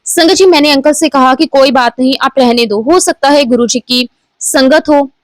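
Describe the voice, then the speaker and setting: A woman's voice: high voice, normal speed, dry recording, rough recording. A woman in her forties sharing a heartfelt devotional testimony, telling her story earnestly to the listeners. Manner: earnest storytelling, often addressing listeners as "sangat ji".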